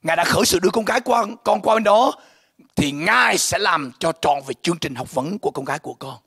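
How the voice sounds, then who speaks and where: A male pastor giving an emotional sermon testimony, swinging from hushed words to shouting. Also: sits high, animated, quick pace, creaky, breathy edge.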